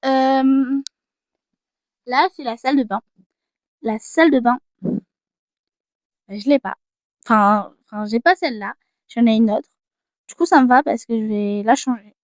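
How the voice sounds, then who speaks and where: Chatty high-voiced girl vlogger. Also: a little slow, pauses often, no room sound, dull audio. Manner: chatty, self-mocking, distracted. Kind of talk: casual haul vlog.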